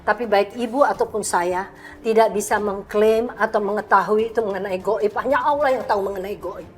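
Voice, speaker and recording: A woman dubbing a pious, patient middle-aged mother in a TV drama, calm and earnest. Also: medium pitch, brisk, natural voice. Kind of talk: dubbed TV drama.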